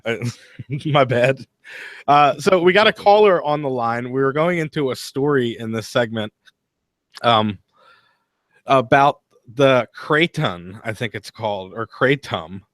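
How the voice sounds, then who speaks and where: A man's voice: mid-range voice, lively intonation, normal speed, dry recording, studio quality. A man hosting an online call-in radio show, chatting casually and tripping over his words, laughing at his own slips. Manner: easygoing, stumbling, laughing at himself. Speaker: podcast host.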